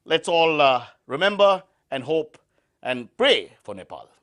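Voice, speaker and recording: A man's voice: on the high side, very animated, measured pace, over music. A man hosting as a parody news anchor, with exaggerated, mock-incredulous comic delivery, interviewing and commenting. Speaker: host of a news satire show.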